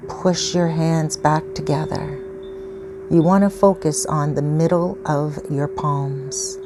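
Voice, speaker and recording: A woman leading a calm guided grounding exercise as a meditation guide, giving patient, step-by-step instructions. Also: sits low. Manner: slow, patient, instructional phrasing. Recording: clearly noisy ambient background.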